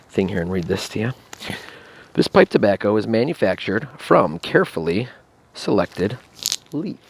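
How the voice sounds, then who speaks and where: A man with a gravelly voice giving a casual, unscripted product review, thinking aloud in a halting, laid-back way. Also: low voice. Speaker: pipe tobacco reviewer. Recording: faint background noise.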